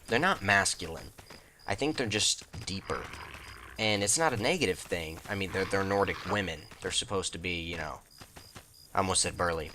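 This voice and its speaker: A young man with a low, sharp voice hosts a let's play, chatting casually and rambling through self-deprecating jokes as he plays. There's slight background noise behind his gameplay commentary.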